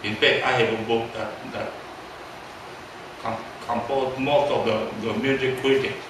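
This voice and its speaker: In a very echoey church hall, picked up from far off with noticeable noise beneath, a Taiwanese-accented pastor in his seventies delivers a storytelling sermon. His voice is mid-pitched and steady, and he speaks haltingly, repeats words and puts questions to his listeners.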